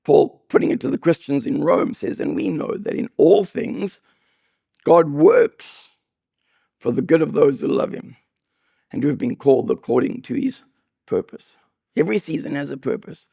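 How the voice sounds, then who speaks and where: A man preaching a sermon as pastor, with an accent, telling humorous stories with sudden high bursts of emphasis. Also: normal speed, no echo, clean studio sound. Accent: non-local accent. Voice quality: gravelly, husky voice. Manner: animated, jokey storytelling with sudden high bursts.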